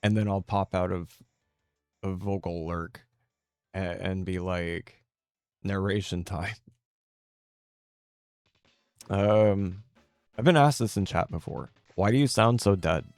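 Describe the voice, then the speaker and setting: A man chatting casually as a game streamer, answering viewers' questions in a laid-back, rambling and halting way. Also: deep voice, vocal fry, darkish tone, clean tone, dry recording, studio quality, faint music behind.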